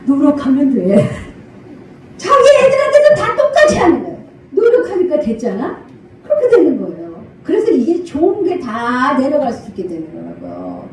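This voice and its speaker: Lively older woman preaching in echoey hall. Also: high-pitched, moderate pace, very noisy. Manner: animated, acts out parent and child lines, laughs often. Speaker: senior pastor. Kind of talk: sermon. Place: church sanctuary. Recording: echoey church hall from far off.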